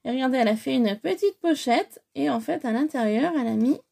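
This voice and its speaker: A woman with a slightly high, gravelly voice talks through an unboxing in a casual, effusive way. She hesitates often, dotting her speech with fillers as she goes. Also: lively intonation, fairly quick, warm tone. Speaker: scrapbooking vlogger.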